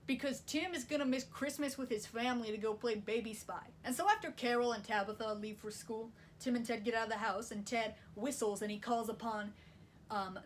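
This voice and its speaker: A woman's voice: on the high side, slight background noise. A woman recapping a movie in a wry, sarcastic way, swearing casually. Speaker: video essayist.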